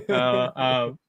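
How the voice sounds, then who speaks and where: A man hosting a live podcast hangout who chats loosely and laughs often. His voice is bright and forward, recorded close and dry with no room sound. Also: medium pitch, no room sound, highs cut off. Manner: laughs often, relaxed chatty. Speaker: podcast host. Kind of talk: casual live chat.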